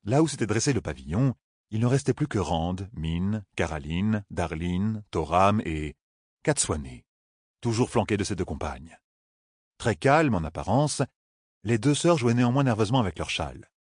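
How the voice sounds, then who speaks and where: Husky, low-voiced male narrator. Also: moderate pace, no echo, clean studio sound. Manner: lively, expressive reading. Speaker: audiobook narrator. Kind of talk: scripted fantasy narration.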